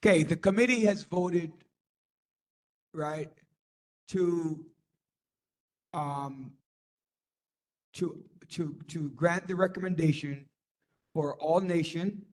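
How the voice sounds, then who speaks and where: Guy running a board meeting, slow and kinda high voice, lots of ums. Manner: halting, many ums and restarts. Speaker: meeting chair. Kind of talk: chairing a community board meeting.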